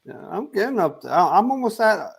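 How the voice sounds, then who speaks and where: A man's voice: high voice, sing-song, vocal fry, slightly rough, low-quality recording. Chatty New man with fillers. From Queens, New York. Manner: halting, restarts sentences, many fillers. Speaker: co-host. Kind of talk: casual chat on a live stream.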